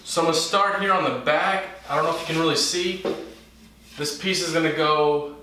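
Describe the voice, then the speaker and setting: A man, a woodworking channel host, giving relaxed, plain-spoken how-to narration with small self-corrections. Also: a little high, moderate pace. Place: home garage workshop. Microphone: camera mic from across the room. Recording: very echoey garage, distant mic, faint hiss.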